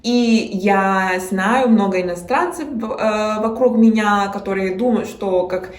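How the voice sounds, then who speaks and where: Speaking slowly in a medium-pitched voice, a young woman from Mexico chats to the camera in a second language, often pausing, restarting and using fillers. She has a Mexican Spanish accent, and the audio has a roomy quality.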